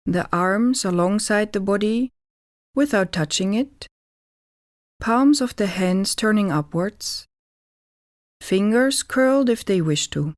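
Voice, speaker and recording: Leading a yoga nidra meditation, a woman speaks very unhurriedly in a calm, deliberate, mid-pitched voice, pausing between gentle instructions. The audio is close and dry, without room echo.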